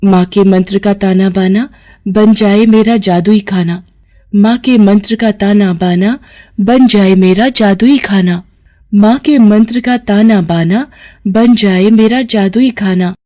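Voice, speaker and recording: A woman voicing a gentle young daughter-in-law in a cartoon story, speaking softly and politely. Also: medium pitch, slow pace, no echo, dull audio, lightly acted. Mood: chanting.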